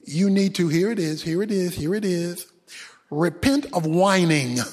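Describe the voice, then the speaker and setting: A male pastor preaching a sermon, dropping low and quiet and then rising to a shout. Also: measured pace. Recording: sermon in a reverberant hall.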